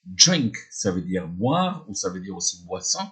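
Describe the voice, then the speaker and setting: A man's voice: low voice, big pitch swings. A man teaching a lesson, explaining patiently, often hesitating and repeating himself, spelling words letter by letter. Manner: often hesitates with drawn-out fillers. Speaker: English teacher.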